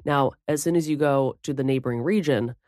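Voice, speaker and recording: A woman with a very low, mellow voice chats in a relaxed podcast conversation. She tells lively stories full of vivid food details and laughs easily. Close, dry sound. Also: a little fast, no room sound. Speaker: guest, food writer.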